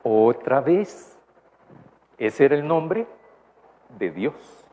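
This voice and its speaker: Salvadoran pastor, chatty sermon, dull recording. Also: male voice, mid-range voice, sing-song, very slow, warm tone. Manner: asks the congregation questions, tag "¿verdad?". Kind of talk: conversational sermon. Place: church. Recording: dull lo-fi church recording, faint noise.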